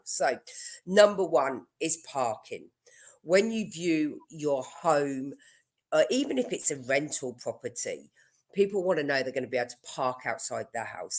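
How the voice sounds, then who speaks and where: A woman mortgage broker with a bass voice and a stuffy nose from a cold chats casually, explaining her advice with everyday examples.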